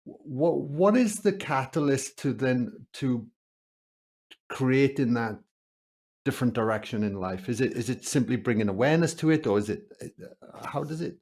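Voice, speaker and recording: Man asking halting interview questions. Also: mid-range voice, lively intonation, a little mellow, breathy edge. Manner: halting, repeats words while forming questions. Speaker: podcast host.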